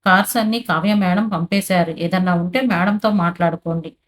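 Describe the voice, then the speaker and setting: Defiant, curt male chauffeur; a woman reads him in her own voice, somewhat low. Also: a little fast, lightly acted. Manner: curt, threatening.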